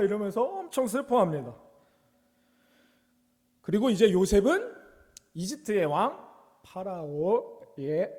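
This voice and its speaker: A man's voice: high-pitched, a little mellow, in a large hall. A young man preaching to children and teens as their youth pastor, in a conversational way that keeps asking them questions. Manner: conversational, asks the kids questions.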